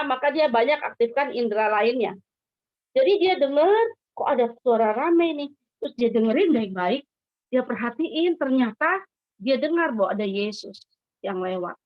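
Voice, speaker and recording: Woman doing a school devotion for kids, animated storyteller, keeps asking them questions, high pitched. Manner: animated, asks the children questions. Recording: dull lo-fi sound.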